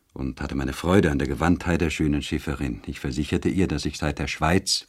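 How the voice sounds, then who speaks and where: Brief: male reader voicing a courtly traveling gentleman from a novel, low voice. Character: the lord's companion, a gallant male traveler recounting an outing.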